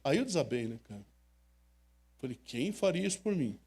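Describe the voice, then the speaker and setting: A man's voice: medium pitch, very animated, moderate pace, a little mellow, slightly rough. An older man from Brazil, a pastor preaching an emotional sermon, telling personal stories and speaking straight to the congregation. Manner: emotional, storytelling, direct address to congregation. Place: church sanctuary.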